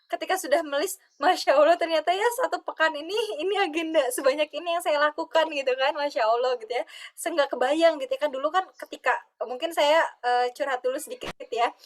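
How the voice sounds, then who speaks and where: A woman's voice: high-pitched, brisk. A woman with a Sundanese-tinged Indonesian accent, a webinar guest in casual sharing talk, chatty, laughing often and acting out her own thoughts over a video call.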